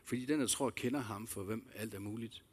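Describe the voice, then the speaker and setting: A man's voice: fairly low pitch, husky. A man preaching a sermon, earnest and reflective, repeating key phrases and addressing listeners directly with questions. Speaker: pastor.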